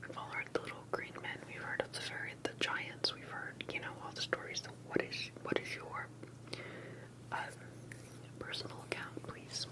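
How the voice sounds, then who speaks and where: On a low-quality recording, a woman takes the part of an interviewer for ASMR roleplay. She whispers throughout, softly, breathily and without voicing, and her questions come out careful and deliberate.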